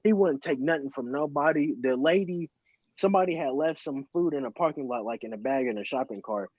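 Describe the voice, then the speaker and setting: A young man, telling stories casually with lots of halting repeats and slang. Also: medium pitch, darkish tone, no echo. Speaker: podcast co-host. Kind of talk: casual chat. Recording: slightly dull lo-fi audio.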